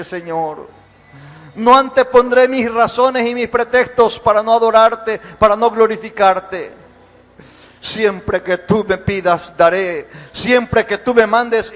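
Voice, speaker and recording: A man's voice: high-pitched, a bit bright. A man pastor leading a congregation in fervent prayer, repeating calls and swelling and dropping his volume. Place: church sanctuary. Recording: long hall reverb.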